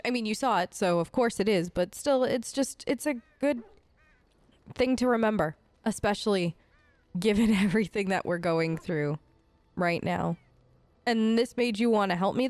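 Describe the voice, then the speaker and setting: Game music plays beneath a woman's slightly high, slightly mellow voice, which has no echo. She's a gaming host voicing her player character in a role-play let's play, improvising replies in a chatty, casual, faintly hesitant way.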